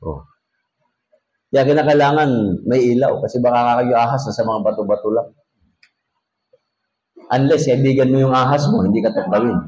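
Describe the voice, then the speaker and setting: A man's voice: medium pitch, moderate pace, long pauses, darkish tone, echoey room, highs cut off. A man with a Filipino accent, a pastor preaching a sermon, telling jokey stories and reading scripture in English.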